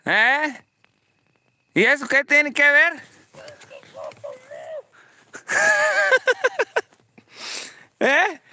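Mexican Spanish man, livestream host, profane and mocking, slow delivery. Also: wildly swooping pitch, a little hiss or hum. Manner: profane and taunting, loud jeers then low asides. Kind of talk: livestream vlog.

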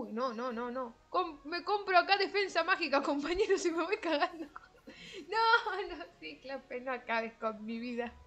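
A young woman, giving excitable, self-mocking commentary over her own gameplay and laughing easily. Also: high-pitched. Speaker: gaming streamer.

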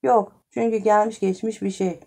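A woman playing a demanding sharp-tongued wife. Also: mid-range voice, fairly even intonation, normal speed, gravelly. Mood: insistent. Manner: insistent, scolding.

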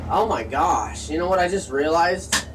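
A man's voice: a little high, lively intonation, normal speed, distant mic, noisy background. A man in his late thirties, talking casually to his viewers in a rambling, musing way from a small gas station kiosk, filmed on a handheld phone. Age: 30s. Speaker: vlogger. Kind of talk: casual solo vlog to camera. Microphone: phone held close at arm's length.

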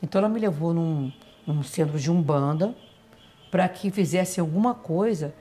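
Halting woman telling eerie memories. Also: on the low side, dark tone, breathy edge. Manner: emotional, halting, repeats phrases. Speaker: interview guest. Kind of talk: personal storytelling in an interview.

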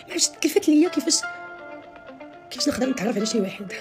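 Music plays in the background as a social media personality in her thirties talks rapid-fire in a high voice to her live stream followers. She has a Moroccan Arabic accent, sits in a small room with her phone at arm's length, and is animated and emphatic, gesturing a lot.

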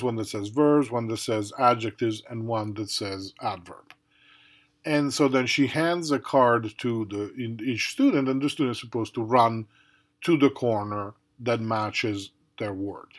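A middle-aged man lecturing as a university professor in a conversational way, with many fillers and tag questions. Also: mid-range voice. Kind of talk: recorded lecture.

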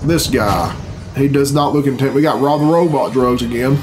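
A middle-aged man, host of a reaction video, speaks at a moderate pace with a medium-pitched voice. His commentary is casual and profane, grumbled out sarcastically and with bemusement. Video game cutscene music plays in the background of his small indoor bedroom.

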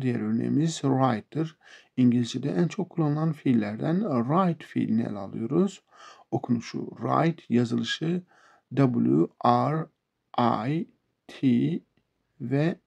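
A man with a Turkish accent explains English verbs to beginners, pausing to repeat each word and example. His voice is deep-toned and mellow, with heavy vocal fry and a husky edge. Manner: slow, repeats words and example sentences. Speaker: English teacher.

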